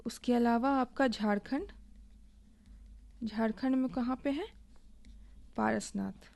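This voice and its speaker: A woman teaching an exam-prep lesson, speaking slowly while she writes and asking and answering her own questions. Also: a little high, vocal fry, darkish tone. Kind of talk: recorded online lesson, Hindi with English.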